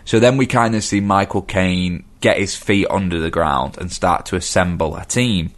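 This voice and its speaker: Low-pitched guy, relaxed film trivia talk. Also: moderate pace. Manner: relaxed storyteller, shares trivia. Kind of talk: casual film chat.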